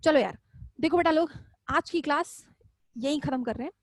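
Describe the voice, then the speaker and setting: A woman with a high, bright-pitched voice teaches zoology in a live online class. She talks in a chatty, affectionate way and keeps repeating questions back to her students. The sound is dry and close, with no room around it. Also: moderate pace, no echo. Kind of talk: live online class, casual Hindi lecturing.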